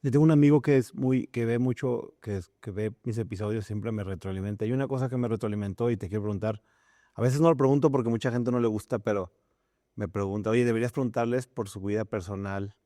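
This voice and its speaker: A male podcast host asks long, conversational questions that wander and restart. His voice sits low and sounds mellow and relaxed, recorded close and dry. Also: fast talker, dry recording. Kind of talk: casual interview conversation.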